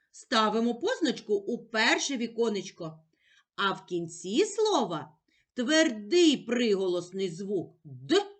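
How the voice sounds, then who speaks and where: A woman teacher with a Ukrainian accent, leading a slow, clearly spoken reading lesson for young children, patiently asking and answering her own questions and stretching out the sounds. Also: a little high.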